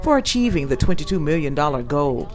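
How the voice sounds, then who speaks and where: A woman news reporter reading a scripted voice-over in an even manner. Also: sits low, quick pace. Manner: even, clearly read voice-over.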